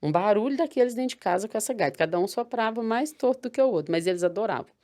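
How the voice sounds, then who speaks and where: A woman in her thirties from Brazil, talking through a personal story in a soft, reflective way with frequent restarts. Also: mid-range voice, expressive, fast. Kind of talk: casual chat.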